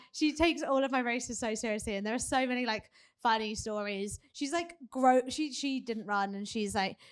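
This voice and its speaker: Giggly, chatty young woman. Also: on the high side. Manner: chatty, laughs often, many fillers. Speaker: guest marathon runner. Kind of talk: live podcast interview. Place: live event hub.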